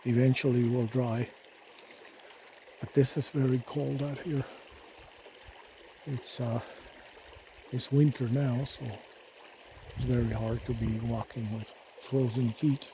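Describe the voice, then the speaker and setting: A man's voice: mid-range voice, fairly even intonation, background noise. A man explaining things plainly in short, matter-of-fact phrases, in an unscripted outdoor hiking vlog. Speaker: hiker narrating a trail vlog. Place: outdoors beside a river in winter. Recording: outdoor recording with rushing river water. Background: running water of a stream.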